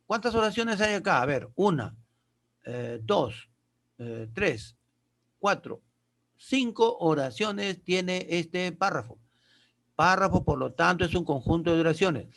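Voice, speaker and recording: A male teacher gives a patient, explanatory lesson in a fairly high, fairly bright voice. He often asks questions and supplies the answers himself, adding short check-in questions along the way.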